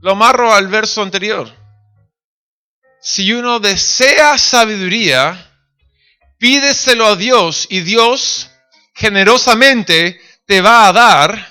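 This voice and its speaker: A man in his thirties preaching a sermon in church, telling family stories, acting out the voices of the people in them and shouting at the high points. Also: lively intonation, takes it slowly, clean tone, faint music behind. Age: 30s. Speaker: pastor. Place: church sanctuary.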